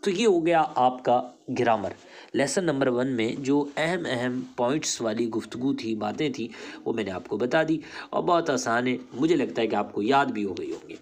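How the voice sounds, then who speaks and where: A patient male teacher in a recorded online lesson, voice at an ordinary middle pitch. He spells out letter sounds slowly, one at a time, and keeps cheering the learner on to practise. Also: animated, slight background noise. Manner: encouraging, praises the learner. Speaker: Quran reading teacher.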